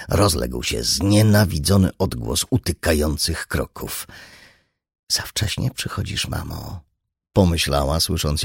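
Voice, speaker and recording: A man narrating an audiobook in an expressive, dramatic reading style. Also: rumbling low, creaky, breathy edge, no echo, clean studio sound. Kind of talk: scripted narration.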